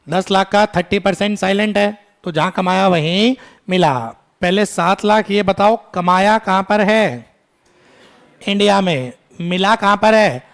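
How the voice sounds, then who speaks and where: A man teaching a tax lecture in Hindi mixed with English, quizzing his students, calling them "beta" and scolding them briskly. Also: high voice, a bit bright. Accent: Indian English. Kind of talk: classroom lecture.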